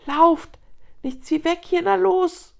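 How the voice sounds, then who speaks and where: A woman's voice: steady tone, slow, gravelly, exaggerated voice. A woman voicing a small, frightened but defiant lion cub in a storybook reading. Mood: desperate. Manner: high, pleading.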